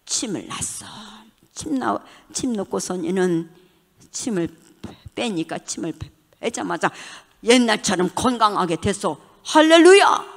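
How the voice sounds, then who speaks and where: An older woman, a church deaconess, giving a fervent testimony sermon, acting out the conversations she recounts and breaking into loud hallelujahs. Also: medium pitch, husky. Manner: fervent preaching with shouted hallelujahs; acts out quoted dialogue in dramatic voices. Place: church sanctuary. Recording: long hall reverb.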